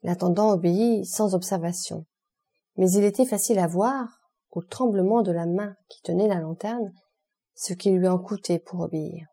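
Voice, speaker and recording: A woman reads a classic novel aloud in a measured, expressive storytelling voice. Her tone is warm and mellow with a soft, breathy edge. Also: on the low side. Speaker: audiobook narrator. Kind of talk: literary audiobook narration.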